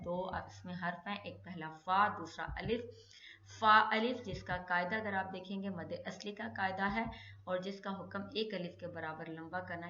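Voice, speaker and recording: A woman teaching a Quran recitation lesson, putting questions to herself, answering them, then drawing out each letter slowly. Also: mid-range voice, a bit bright. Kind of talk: tajweed lesson in Hindi-Urdu. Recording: dull echoey room recording.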